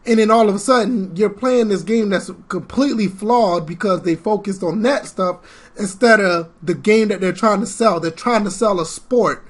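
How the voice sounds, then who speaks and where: A man co-hosting a sports and gaming podcast, talking in an animated, rambling casual way. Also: high-pitched, moderate pace. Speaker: podcast co-host. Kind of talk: casual chat.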